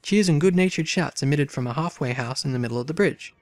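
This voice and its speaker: A man hosting a let's play, reading the game's story text aloud and adding wry, relaxed asides. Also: fairly high pitch, fast talker, no echo.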